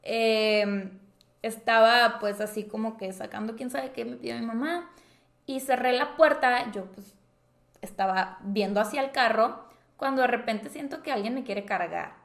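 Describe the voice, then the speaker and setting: A woman's voice: a little high, measured pace. A young woman telling a personal story in a casual chat, full of fillers and dramatic turns. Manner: chatty, dramatic, many fillers like "o sea" and "tipo". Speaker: podcast co-host. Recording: roomy echo.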